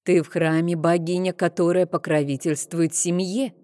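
A woman reading an audiobook, voicing a serene female temple priestess who speaks slowly, calmly and sternly. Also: on the low side, in a large hall, natural voice. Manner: slow, calm, stern.

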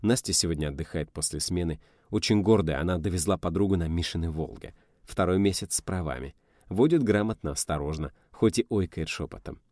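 Low-voiced man narrating a story. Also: a little fast, no echo, clean studio sound. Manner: even, storytelling. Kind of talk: audiobook narration.

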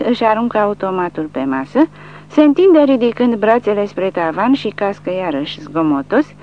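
A woman narrating a war novel as an audiobook, reading with dramatic emphasis. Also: mid-range voice. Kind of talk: scripted narration. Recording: dull lo-fi recording with faint hum.

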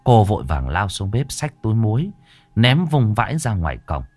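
A man telling a horror story, his low voice rising and falling with lively intonation. The delivery is measured and dramatic, recorded dry and close to the mic. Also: no echo, faint music behind.

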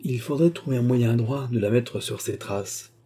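A man's voice: medium pitch, normal speed, slightly rough. A man voicing a cold, scheming villainous baronet who speaks curtly and imperiously in a storybook reading. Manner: curt, sharp, imperious.

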